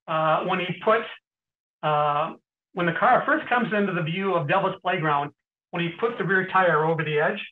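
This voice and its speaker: A middle-aged man, an interview guest, tells stories in a casual way, often clearing his throat and pausing with fillers. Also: high voice, a little hiss or hum. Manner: anecdotal, frequent throat clearing and hesitant fillers. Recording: tinny phone-like sound.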